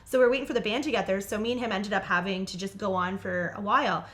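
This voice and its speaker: A woman, a podcast guest telling casual stories in a candid, animated way, swearing freely and laughing as she goes. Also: mid-range voice, fast. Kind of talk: casual storytelling.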